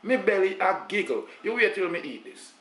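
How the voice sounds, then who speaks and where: A middle-aged Jamaican man hosts a casual home cooking vlog, chatting to a camera set on the kitchen counter and dropping in patois asides. His voice sits high, very animated and a bit bright at a moderate pace, and the indoor kitchen sounds echoey.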